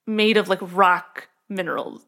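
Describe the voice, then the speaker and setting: A woman's voice: medium pitch, measured pace, fairly bright tone. A woman co-hosting a podcast, reading a science article aloud in casual chat and breaking into giggles. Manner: giggly, keeps breaking into laughter; chatty with many fillers. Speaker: podcast co-host.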